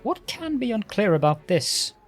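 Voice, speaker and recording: A man's voice: on the high side, expressive, measured pace, husky, full character voice. An arrogant, sneering undead lich lord acted out by a man from a fantasy game. He speaks with haughty command and imperious disdain, over a bed of music. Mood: irritated. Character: arrogant undead lich, lordly old military master. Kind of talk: dramatic voiced game dialogue.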